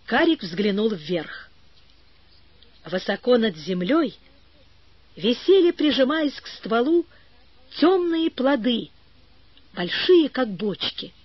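A woman narrating an adventure story as an audiobook, in a measured storytelling manner. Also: on the high side, sing-song, slightly rough, no echo, highs cut off. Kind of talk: audiobook reading.

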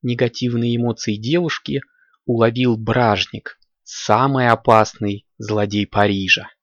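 A man's voice: medium pitch, steady tone, a little slow, fairly bright tone, no echo, lo-fi sound. A man reading scripted narration as a composed cartoon storyteller. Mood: matter-of-fact.

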